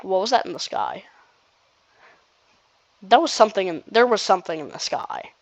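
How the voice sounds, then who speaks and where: Casual gameplay commentator, rambles and restarts a lot, very lively delivery, dry close lo-fi recording. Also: medium pitch, normal speed, dry recording. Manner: rambling, restarts sentences, nervous laughs.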